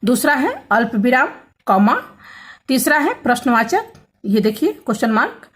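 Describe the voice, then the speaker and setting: A woman's voice: fairly high pitch, sing-song, normal speed. A woman teaching a grammar lesson to children, explaining patiently and often checking that they follow.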